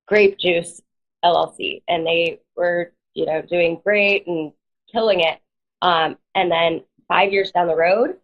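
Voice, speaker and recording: A woman's voice: fairly low pitch, dull audio. A woman lawyer with a cold, explaining legal matters plainly in a live online interview. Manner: plain explanatory, uses hedging fillers. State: has a cold, clearing her throat. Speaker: lawyer, guest. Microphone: online video stream.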